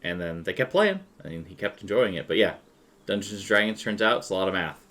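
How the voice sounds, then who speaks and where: A man's voice: sits low, animated, fairly quick, a crowd in the background. A man running a tabletop game as game master, narrating and chatting conversationally with the players.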